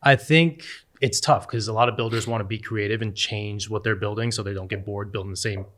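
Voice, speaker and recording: A man, speaking as a real estate agent on a casual podcast. His voice sits on the low side. He laughs easily and mostly answers in short, agreeing replies. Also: steady tone, fairly quick, a bit bright.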